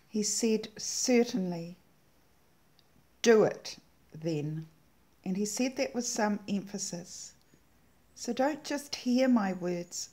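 Woman giving a devotional talk on her channel, soft mellow voice, earnest and reverent, takes it slow on the important bits. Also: a little high. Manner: earnest and reverent, slows down to savor quoted words. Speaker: channel host sharing prophetic words. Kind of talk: devotional video message.

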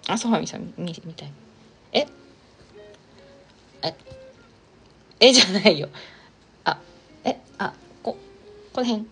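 A young woman chats casually through a live stream, reading viewer comments aloud and laughing often. Her voice is lively and slightly husky, and it swings up and down a lot. Faint music plays underneath. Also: mid-range voice, slow, pauses often.

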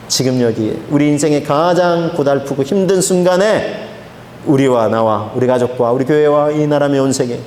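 A man preaching a sermon as pastor, emphatic and lively, acting out the lines he quotes. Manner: emphatic, acts out quoted speech with swings in pitch. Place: church sanctuary. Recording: echoey church hall with faint noise.

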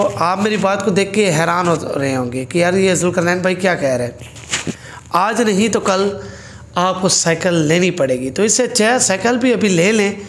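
Man, high voice, casual vlog, earnest grumbling, small indoor room. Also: fairly bright tone, a little hiss or hum. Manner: earnest, complaining, rhetorical questions. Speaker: motorcycle vlogger. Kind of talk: casual vlog monologue to camera. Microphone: fixed camera a few feet away.

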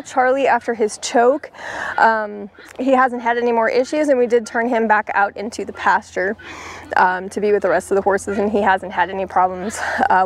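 A friendly woman in her thirties chats about her horses for a farm vlog, holding the camera at arm's length out in a paddock. Her voice sits at an ordinary middle pitch, relaxed and chatty. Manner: chatty, coos softly to the horses. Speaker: horse rescue farm owner. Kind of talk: casual vlog narration.

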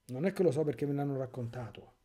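A man's voice: mid-range voice, quick pace, dark tone. A man, a priest, giving a catechesis sermon in an impassioned, rhetorical way with sarcastic asides.

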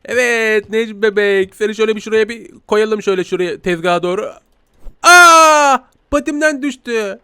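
A man's voice: high voice, moderate pace, bright, forceful tone, clean tone, no echo, clean studio sound. A man giving playful, teasing game commentary as a talking cat, giggling often. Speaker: gaming YouTuber playing a talking cat.

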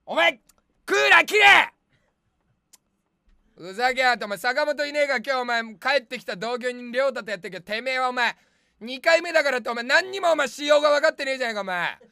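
A very high-pitched man in his thirties rants back at every viewer comment on a studio livestream. His bright, forceful voice swings wildly in pitch and has a gravelly edge, with a dry, close sound. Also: lively intonation, fast talker, dry recording. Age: 30s. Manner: snapping, ranting retorts with frequent shouted outbursts. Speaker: comedian streamer. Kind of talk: improvised angry comment replies on a livestream.

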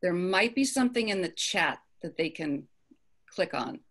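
A woman presenting an upcoming event in a virtual office meeting, halting, with many ums and uhs, over a video call. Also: on the low side, lively intonation. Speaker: committee presenter.

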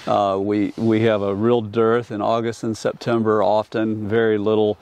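A man's voice: fairly low pitch, flat delivery, moderate pace, a little mellow, lo-fi sound. An older man and commercial beekeeper from North Carolina, explaining his methods outdoors in a plain, practical way with frequent restarts, on a lapel mic. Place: outdoors in an apiary.

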